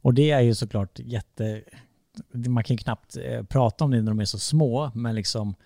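A man's voice: medium pitch, creaky, mellow, no room sound, studio quality. A man from Sweden, a podcast co-host, chatting casually and joking, slipping into voices of parents and kids. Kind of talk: casual chat.

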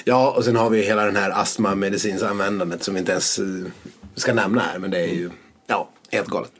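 A man's voice: on the low side, steady tone, a bit bright, husky. A man co-hosting a casual podcast chat, rambling, laughing often and swearing casually. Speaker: podcast co-host.

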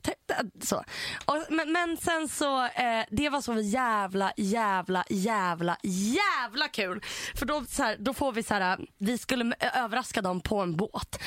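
A woman telling a story in casual chat, animated, swearing often and acting out the dialogue. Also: a little high, no room sound, studio quality. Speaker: podcast co-host.

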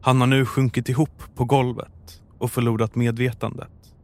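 A man narrating a true crime story in a calm, measured, scripted way. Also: mid-range voice.

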